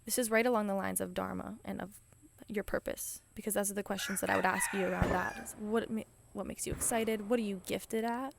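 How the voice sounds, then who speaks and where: Woman, podcast host, motivational monologue, eager and encouraging, a bit of vocal fry, middle pitch. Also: steady tone, a little fast, hardly any pauses, slight background noise. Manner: enthusiastic, encouraging, chatty with restarts.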